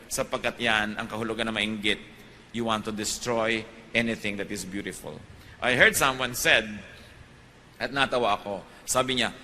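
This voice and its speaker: A man's voice: medium pitch, sharp tone, long reverb tail, slight background noise. A Filipino man preaching a sermon, moving between Tagalog and English and building to emphatic peaks.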